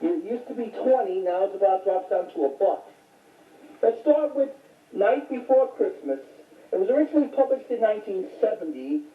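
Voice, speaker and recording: Speaking at a normal pace in a medium, expressive voice, this woman collects home videos and is giving an unscripted, rambling show-and-tell of her latest finds in a plain, matter-of-fact tone. It sounds like a phone recording: tinny, echoey, and picked up from a distance.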